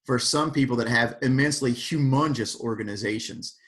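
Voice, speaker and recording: A man's voice: mid-range voice, brisk. A man leading an online fire service workshop over a video call, speaking with energy and calling on attendees by name. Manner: animated, questions the audience by name. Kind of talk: energetic motivational talk.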